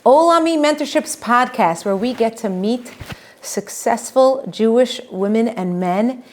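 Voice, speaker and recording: A woman's voice: a little high, expressive, unhurried, darkish tone, a little hiss or hum. A woman hosting a podcast interview, chatty and bubbly, laughing often as she reacts to her guest. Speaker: podcast host. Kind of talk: casual interview chat.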